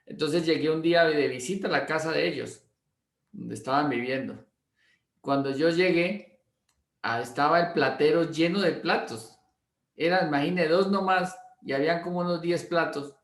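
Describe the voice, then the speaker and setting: Pastor telling a story. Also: male voice, fairly high pitch, normal speed. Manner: anecdotal, acts out dialogue, repeats words. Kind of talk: storytelling teaching class. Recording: roomy echo.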